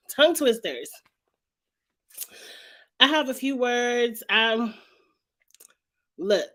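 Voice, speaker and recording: A woman runs her own vlog, chatting casually and frankly about a reality show. Her mid-range voice is raspy, hoarse and heavy yet fairly bright, and she greets live viewers and clears her throat often.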